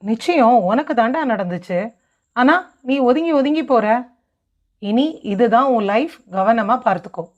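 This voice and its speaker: A woman voicing a young man, a frank and caring best friend, with a lowered, pleading tone, on a dull lo-fi recording. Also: expressive, unhurried. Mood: earnest.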